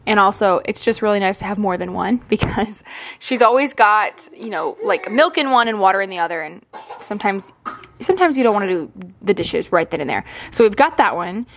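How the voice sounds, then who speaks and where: A woman's voice: medium pitch, lively intonation, brisk, slight background noise. A woman in her twenties chatting casually to camera in her home kitchen, upbeat and talking with her hands. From Texas. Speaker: lifestyle vlogger. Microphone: camera on a tripod across the kitchen.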